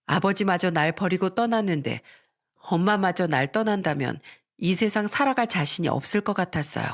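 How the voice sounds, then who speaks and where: A woman giving scripted narration of a story in a calm, polite storytelling manner. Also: lowish voice.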